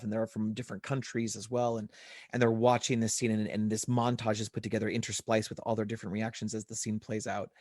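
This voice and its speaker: A man in his forties, a podcast co-host, telling an animated story in casual chat and quoting his own thoughts. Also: on the low side, dry recording, studio quality. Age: 40s.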